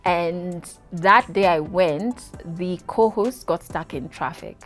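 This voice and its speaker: Soft music sits behind this interview guest, a Kenyan woman in her thirties who recounts her story in a low-leaning, slow voice. She's animated, laughs a lot and drops in the occasional Swahili word.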